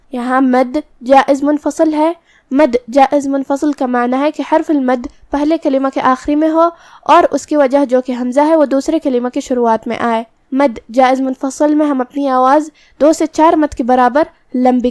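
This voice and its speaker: A woman teaching Quran recitation rules in a tajweed lesson, explaining each letter step by step and chanting verses slowly. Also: sits high, darkish tone, no echo, studio quality.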